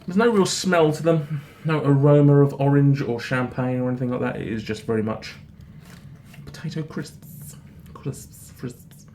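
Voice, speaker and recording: Rambling man reviewing snacks, noisy background. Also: medium pitch. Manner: halting, rambling, repeats himself. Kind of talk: casual product review chat. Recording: noticeable background noise.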